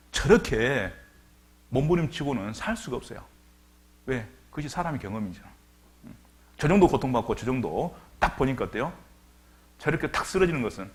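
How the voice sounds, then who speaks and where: Delivering a sermon as pastor, a man dramatically retells scripture and throws rhetorical questions at the congregation. He speaks at a medium pitch.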